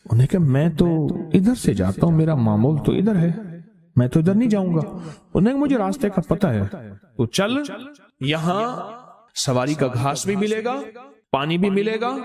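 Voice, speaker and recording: A man delivers a sermon as a dramatic story, his fairly high voice rising and falling widely as he acts out each character. A crowd can be heard behind him. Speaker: preacher.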